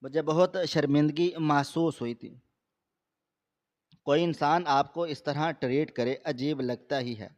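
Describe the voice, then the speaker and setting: A man reading a scripted first-person story aloud in a steady, measured way. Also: on the high side. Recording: slightly dull lo-fi recording.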